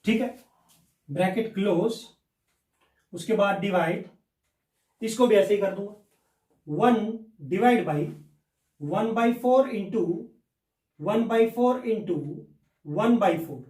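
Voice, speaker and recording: Teaching a blackboard maths lesson, a man with a high, slightly mellow voice walks through exercises step by step, checking the class keeps up and answering his own questions. He speaks very slowly with long pauses. The room is echoey and the mic sits at a distance.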